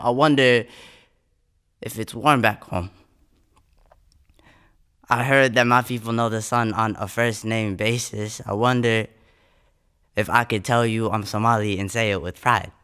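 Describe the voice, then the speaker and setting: This young adult poet from the US has a smooth, pushed, bright mid-range voice with fairly even intonation. He talks at normal speed but pauses often, delivering spoken word pieces and interview replies close to a studio condenser mic.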